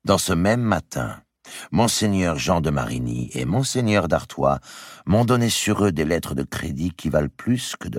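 A man voicing a shrewd, calculating old male banker in an audiobook, measured and wheedling. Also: very deep voice, slightly rough, no room sound, studio quality, pitched above the performer's own voice, heavily acted. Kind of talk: audiobook character reading.

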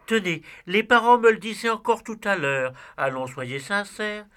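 A performer voicing a vain, pompous pig in a storybook audio tale, in a lowered voice. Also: lively intonation, moderate pace, pushed and bright, clear, resonant tone. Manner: pompous, sighing. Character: vain self-satisfied pig, male.

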